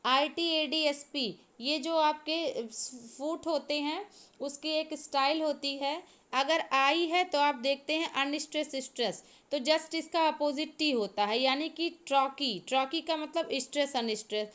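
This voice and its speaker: A woman's voice: high voice, unhurried, fairly bright tone. A woman teacher giving an exam-prep lecture, explaining each point step by step, repeating key terms and asking the class to answer.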